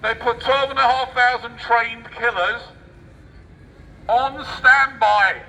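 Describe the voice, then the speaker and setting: Picked up by a far-off outdoor mic with faint street sounds, a man delivers the news as mock-enthusiastic, sarcastic street oratory with theatrical flair. His pitch is extremely high and his intonation fairly even, and he speaks slowly in a bright, forceful tone.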